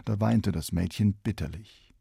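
A man narrating a fairy tale in a calm, measured storybook manner. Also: fairly low pitch, creaky, husky, no room sound, studio quality.

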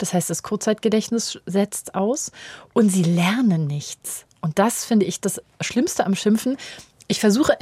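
In a conversational interview, a middle-aged parenting expert explains her points while animatedly acting out the voices of parents and children. Her voice is medium-pitched with a breathy edge, and the recording is dry.

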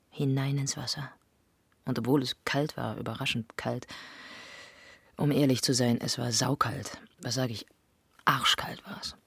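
A woman's voice: very deep voice, gravelly, slightly rough, dry recording. A woman delivering a literary first-person monologue in an intimate, often half-whispered voice. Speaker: narrator.

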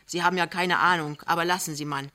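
A gruff, brooding man, as a reader acts him in an audiobook, blunt, with a gentle consoling streak. He speaks in a bright, forceful tone. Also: medium pitch, fairly even intonation, fast, natural voice. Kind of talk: audiobook character reading.

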